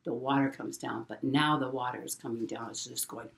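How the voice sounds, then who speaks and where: A middle-aged woman telling a personal story in a halting way, repeating words and using many fillers. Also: extremely low pitch, fairly even intonation, creaky. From Hawaii. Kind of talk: casual spoken storytelling.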